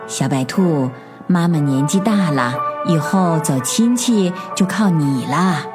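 A woman's voice: deep voice, animated, music in the background, pitched below the performer's own voice. Woman voicing a frail, weary old mother rabbit. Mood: tender. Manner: soft, slow and weary.

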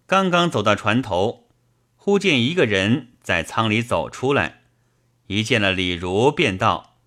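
Narrating an audiobook of a classic novel, this man uses a lowish voice and a measured, expressive reading style.

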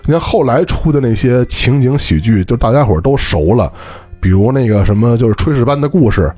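A man's voice: mid-range voice, expressive, fairly quick, dark tone, breathy edge, faint music behind. A man from Beijing with a Beijing accent, chatting casually as a podcast co-host and telling stories while checking that listeners follow. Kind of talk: casual chat.

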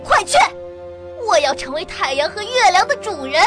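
A woman voicing a greedy, bossy fisherman's wife in a fairy tale, shrill and demanding. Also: big pitch swings, unhurried, music in the background, full character voice.

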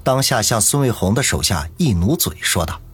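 Husky male audiobook narrator. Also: fairly low pitch, lively intonation, normal speed, fairly bright tone. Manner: dramatic storytelling. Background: faint music.

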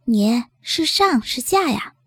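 A playful, proud base leader with a light, teasing lilt, as a woman narrator puts it on. The voice sits high and moves about a lot, with a breathy edge. It is recorded dry and close. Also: very animated, slow pace, no room sound, heavily acted.

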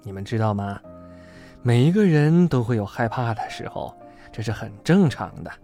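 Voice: medium pitch, big pitch swings, unhurried, mellow, soft background music, voice pushed down. A storyteller voicing Grandma Bear, a kind elderly female bear who comforts the children. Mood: gentle.

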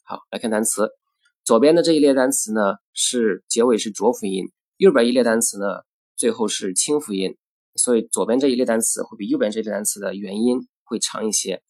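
A man teaching English pronunciation in a recorded lesson. He works through the rules step by step, using filler particles, and models English example words in a measured way. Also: fairly low pitch, darkish tone, dry recording.

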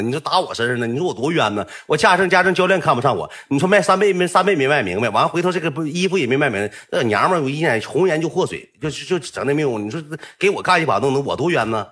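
Fast, animated Northeastern Mandarin man. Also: mid-range voice. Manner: animated, rambling, swears freely. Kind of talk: casual storytelling.

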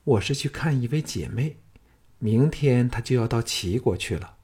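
A male narrator voicing a tender, wistful young palace consort in a raised, hushed voice. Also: mid-range voice, lively intonation, moderate pace, breathy edge. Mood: melancholy.

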